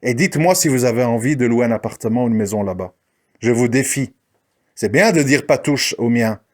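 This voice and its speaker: A male commentator with a mid-range voice speaks a little fast in a combative, ranting monologue. He challenges his listeners and mocks the people he criticizes.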